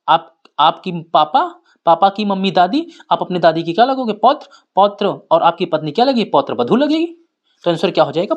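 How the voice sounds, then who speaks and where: A man teaching a reasoning class, repeating key points and putting questions to his students. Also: fairly high pitch. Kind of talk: classroom lecture.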